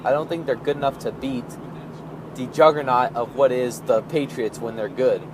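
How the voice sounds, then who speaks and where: A man's voice: mid-range voice, fairly even intonation, moderate pace. A young adult man giving casual, rambling gameplay commentary as a video host, often repeating and rephrasing himself in an informal way. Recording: clearly noisy background.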